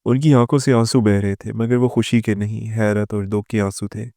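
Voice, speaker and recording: A man narrating a scripted moral story in a steady, even delivery. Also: on the low side, gravelly, no room sound, studio quality.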